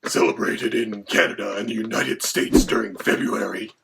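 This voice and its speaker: A man voicing a menacing male dragon who co-hosts, with a gravelly, whispery voice. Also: on the low side, fairly even intonation, moderate pace. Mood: matter-of-fact. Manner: mock-menacing, then lecturing in turn with the host. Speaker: co-host. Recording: background noise.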